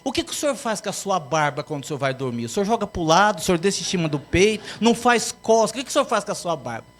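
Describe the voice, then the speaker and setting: A man's voice: high-pitched, sing-song, very fast. A man doing a cheeky, persistent boy student. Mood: curious. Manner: pleading, persistent.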